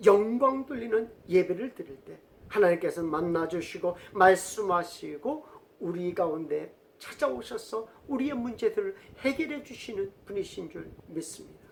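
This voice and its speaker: A man's voice: high-pitched, vocal fry. A male pastor giving a sermon, telling stories and asking the congregation questions. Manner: storytelling, asks the congregation questions.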